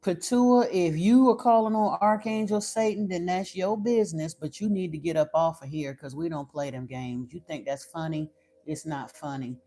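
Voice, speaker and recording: Speaking at medium pitch and normal speed with a warm tone, this livestreamer from Florida gives spiritual guidance while responding to comments from viewers. The chat is relaxed and direct, often blunt or even stern, and peppered with fillers and false starts.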